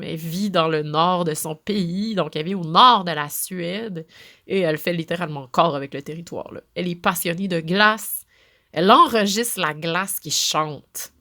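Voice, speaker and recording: A woman with a Québécois French accent hosting a podcast, talking in a chatty, expressive way with many fillers and restarts. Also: lowish voice. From Quebec. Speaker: podcast host. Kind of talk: casual spoken monologue.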